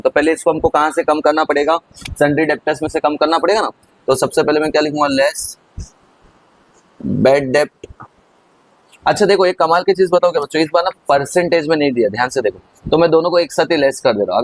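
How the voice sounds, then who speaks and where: A man gives an accounting lesson at a rapid clip, his voice sitting a little high for a man. He chats straight to his students and calls them kids as he works through each step. He keeps the talk easy and familiar. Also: no echo, low-quality recording. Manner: chatty, addresses students as kids. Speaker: teacher. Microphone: recorded over on-screen writing.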